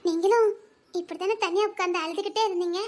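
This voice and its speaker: A woman's voice: very high-pitched, fairly even intonation, quick pace, a little mellow. An actress playing a remorseful young wife and college student, speaking tearfully with her voice breaking into shaky laughs. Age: young adult. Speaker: young wife in a drama series. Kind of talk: emotional drama acting.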